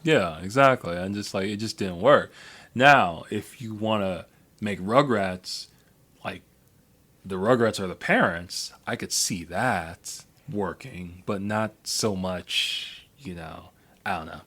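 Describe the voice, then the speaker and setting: A man's voice: on the low side, takes it slowly, a bit bright. A man co-hosting a podcast in casual chat, rambling through a history with many fillers and restarts. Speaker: podcast co-host.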